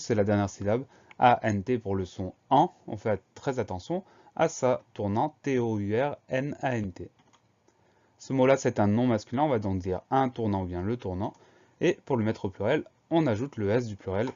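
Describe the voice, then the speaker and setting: A man's voice: mid-range voice, mellow, lo-fi sound. A man teaching a spelling lesson, patiently breaking words into syllables and spelling them out letter by letter.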